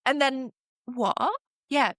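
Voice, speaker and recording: A woman's voice: sits high, slow, fairly bright tone, no echo. A woman co-hosting a podcast, telling stories in casual chat, swearing freely and using many fillers. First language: English. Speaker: podcast co-host.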